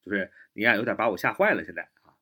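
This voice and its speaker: A man whose first language is Chinese, teaching a spoken English lesson and slowly repeating and spelling out English phrases. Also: on the low side, very animated, pushed and bright, slightly rough.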